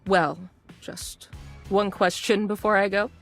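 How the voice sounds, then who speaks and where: Aloof game character, medium pitch, guarded, hesitant, clipped, easily flustered. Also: female voice, steady tone, slow pace, faint music behind. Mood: guarded, awkward. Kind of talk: video game character acting.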